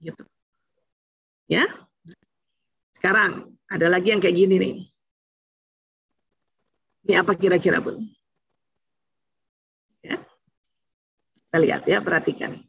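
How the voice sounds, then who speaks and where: A woman's voice: lowish voice, steady tone, takes it slowly, creaky, pauses often, fairly bright tone, breathy edge, dry recording, lo-fi sound. A woman giving a chatty online talk on parenting to mothers, speaking to them directly and acting out what parents and children say.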